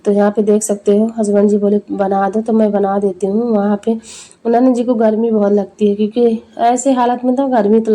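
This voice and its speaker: Young woman doing a vlog voice-over, slow and halting, a bit breathless, flat mellow tone. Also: on the high side. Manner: slow, halting, searching for words. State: short of breath when talking at length. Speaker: family vlogger. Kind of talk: casual voice-over narration.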